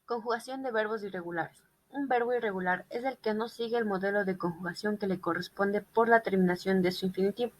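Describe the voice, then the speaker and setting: A woman's voice: medium pitch, brisk, poor audio. A woman reading a group class presentation on irregular verbs, listing examples methodically. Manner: methodical listing of verb forms. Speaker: student presenter.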